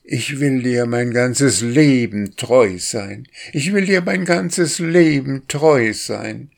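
A man doing an ardent, high-voiced drake. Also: slow pace, creaky. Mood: fervent, indignant. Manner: fervent, courting. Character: amorous male wild drake.

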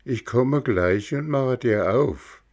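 A man voicing a calm, unhurried female snail in a storybook reading, speaking in a placid, drawn-out way. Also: mid-range voice, voice pushed up.

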